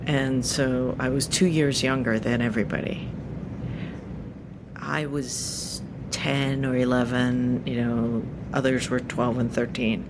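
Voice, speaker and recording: A middle-aged woman from Japan, answering interview questions thoughtfully with pauses and fillers. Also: extremely low pitch, fairly even intonation, background noise. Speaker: podcast guest.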